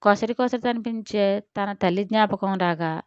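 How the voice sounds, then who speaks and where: Woman narrator for audio drama, smooth and dry, slightly muffled close mic. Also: medium pitch, normal speed, darkish tone, no echo. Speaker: storyteller. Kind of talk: scripted audio-story narration.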